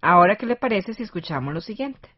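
A woman's voice: medium pitch, sing-song, quick pace, husky, no echo, highs cut off, soft background music. A woman with a Costa Rican accent hosting a scripted educational radio lesson.

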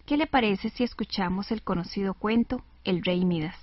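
A woman's voice: medium pitch, moderate pace, no room sound. Woman teacher-host, dry close voice, radio lesson. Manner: clear, didactic. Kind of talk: scripted educational radio. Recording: dull lo-fi radio recording.

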